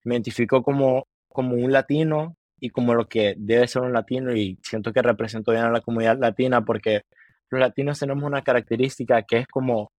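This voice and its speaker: A Honduran musician in his twenties talks in a dry recording, his mid-range voice carrying a darkish tone. The interview is casual and mixes Spanish with English. He is earnest, hesitant and keeps restarting sentences and repeating words.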